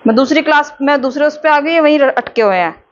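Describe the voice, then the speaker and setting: A woman teacher, lecturing a class and slowly dictating terms for notes in a chatty way. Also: high voice, animated. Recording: dull lo-fi with faint background noise.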